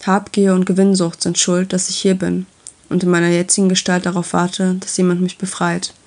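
A woman voicing a calm, patient enchanted lizard in a storybook reading, speaking softly and matter-of-factly. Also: lowish voice, a little fast. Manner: soft, gentle and matter-of-fact.

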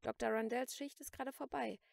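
A woman voicing a polite, helpful hospital nurse in an audiobook. Her creaky voice is recorded dry and a little far from the mic. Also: a little high, steady tone, fairly quick, no room sound, voice pushed up. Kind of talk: audiobook reading.

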